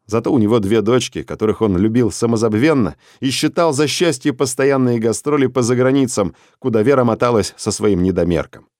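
A man narrating a dark story as an audiobook, in a steady, measured reading. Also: medium pitch, no echo, studio quality.

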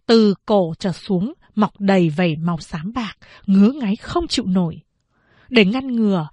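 A woman narrating a novel as an audiobook, in a slow, measured storytelling manner. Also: mid-range voice, a little mellow, breathy edge, no room sound.

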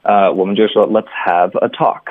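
On a radio lesson, a male English teacher with a fairly low voice explains pronunciation in a relaxed manner, slipping English words into his speech. He talks at a normal speed, and the audio has a phone-quality sound.

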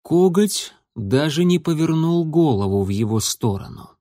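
A man reading a children's adventure story aloud in a steady, expressive narration. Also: a little high, moderate pace, dry recording, clean studio sound. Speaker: audiobook narrator.

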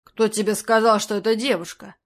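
A woman voicing a tipsy young male reveler who talks loudly and boisterously. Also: medium pitch, fairly even intonation, a little fast, lightly acted. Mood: disappointed.

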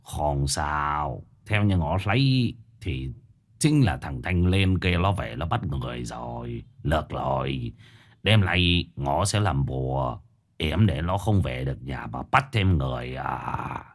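A man voicing an old male village sorcerer who speaks in a slow, low, stammering, half-whispered way. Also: lively intonation, exaggerated voice. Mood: grave.

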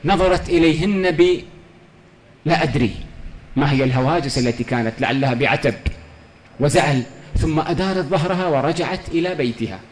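A man's voice: a little high, brisk, pauses often. A man giving a religious lecture, telling stories in a fervent, pleading way. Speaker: preacher.

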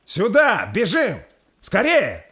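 A man's voice: sits high, wildly swooping pitch, takes it slowly, breathy edge, voice pushed up, exaggerated voice. A man voicing a giant warrior king who gives commands. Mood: commanding. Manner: commanding, shouting.

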